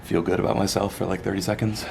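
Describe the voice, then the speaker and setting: A young man talks between sets at the gym, swearing freely and cracking crude jokes. His voice sits very low. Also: level tone, fast, gravelly, noisy background. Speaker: fitness vlogger. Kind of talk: casual gym chat.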